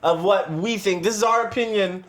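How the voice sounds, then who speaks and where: A man's voice: high voice, brisk, fairly bright tone. A man co-hosting a podcast, bantering in a loose, profane, laughing way. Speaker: podcast co-host. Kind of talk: casual crude banter.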